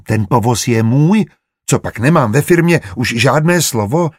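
A man's voice: medium pitch, lively intonation, no room sound, clean studio sound, lightly acted. A man voicing a proud, stubborn young husband and merchant in an audiobook, stiff and restrained. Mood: insistent. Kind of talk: audiobook character voice.

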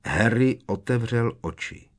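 A man narrating an audiobook with a lively, expressive reading. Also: medium pitch.

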